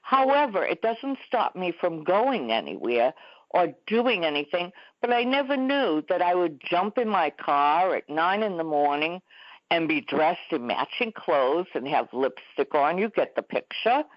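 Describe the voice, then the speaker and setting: A woman's voice: lowish voice, very animated, a little slow, dry recording, muffled recording. A woman in her seventies, a talk show guest telling stories in a chatty way. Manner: chatty, storytelling. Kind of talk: interview conversation. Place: Florida.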